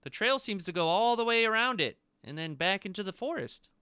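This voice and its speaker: A man voicing an excitable high-voiced male companion in a tabletop game, chattering eagerly. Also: fairly quick, smooth, no echo, clean studio sound.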